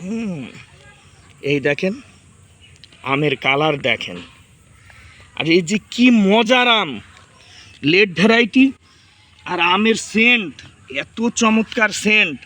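Speaking slowly with long pauses, this farming vlogger's high-pitched voice is animated and sharp. The Bangladeshi man in his thirties chats casually in a garden, demonstrating fruit and guiding his children.

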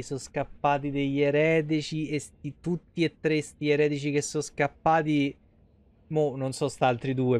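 A young man with a medium-pitched voice does casual, slangy live game commentary with some swearing. He's a game streamer on a webcam stream from a small indoor room, with no room sound audible.

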